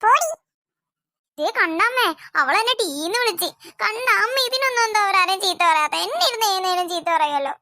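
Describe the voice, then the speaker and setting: A woman's voice: very high-pitched, lively intonation, fairly quick, pushed and bright, no echo, studio quality, full character voice. A woman voicing a sulky elder daughter in a family cartoon who complains that she is always the one blamed. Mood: accusing. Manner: complaining, accusatory.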